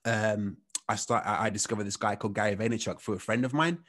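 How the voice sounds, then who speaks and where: Guy in his 30s, lowish voice, chatty podcast guest, lots of "you know"s. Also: fast. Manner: relaxed, rambling, heavy on "you know" fillers. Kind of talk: casual storytelling interview.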